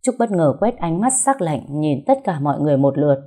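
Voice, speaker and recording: A woman narrating a dramatic folk story in a calm, measured storytelling voice. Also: low voice, slightly rough.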